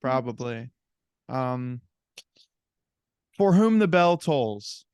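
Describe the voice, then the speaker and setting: A man hosting a podcast interview, easygoing and chatty, nodding along with quick affirmations. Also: mid-range voice, very animated, a little mellow, smooth, dry recording. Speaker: podcast host. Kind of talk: casual interview chat.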